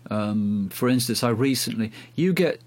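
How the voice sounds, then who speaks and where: Casual and chatty, a male radio host talks at normal speed in a mid-range, slightly mellow voice with lively intonation. His manner is hesitant and self-deprecating, and he speaks into a dictaphone-like handheld recorder during a phone call.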